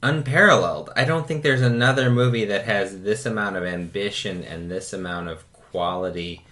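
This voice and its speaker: A man's voice: fairly low pitch, normal speed, bright, forceful tone. A man co-hosting a casual podcast chat, blunt and opinionated. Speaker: podcast co-host.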